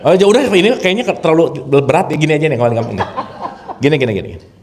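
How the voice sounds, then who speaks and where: A man leads an informal spiritual lecture a high, bouncing voice. He keeps it chatty, quizzes his listeners and laughs easily, a light touch. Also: very animated, rapid-fire, darkish tone. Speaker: spiritual teacher. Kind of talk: informal religious lecture to an audience.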